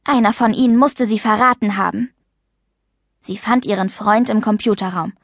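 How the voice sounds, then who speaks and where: A woman narrating a children's audiobook with clear, lively storytelling. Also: medium pitch, moderate pace, no echo, studio quality.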